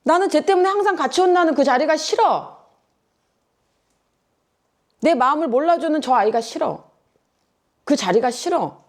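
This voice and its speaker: A woman's voice: high-pitched, animated, moderate pace, long pauses, pitched above the performer's own voice. A woman voicing a sulky young girl complaining. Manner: complaining, resentful. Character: young girl sulking about sharing a room.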